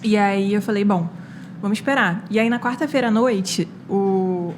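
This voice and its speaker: Speaking at a normal speed in a mid-range voice, a young Brazilian woman who studies medicine recounts a personal story as a casual podcast guest. She acts out quoted dialogue and uses plenty of fillers, and there's a slight hiss or hum.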